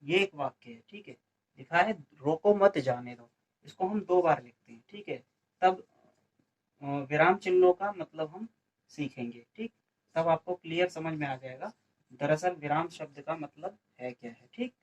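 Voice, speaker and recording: A man's voice: on the high side, lively intonation, normal speed, muffled recording. A man from India teaching a Hindi grammar lesson for an exam coaching class, who asks questions and answers them himself and keeps adding "okay". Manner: repeats questions and answers them, frequent "ठीक है" fillers.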